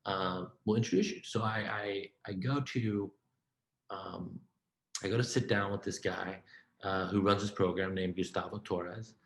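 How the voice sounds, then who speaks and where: A man giving a conference keynote, telling his life story in a casual, animated way, often saying "man" and "right?". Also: low-pitched, a little slow, vocal fry, roomy sound, low-quality recording. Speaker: keynote speaker.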